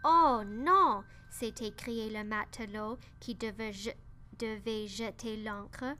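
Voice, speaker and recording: A woman reading a children's story aloud, slow and careful. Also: mid-range voice, little pitch movement. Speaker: narrator.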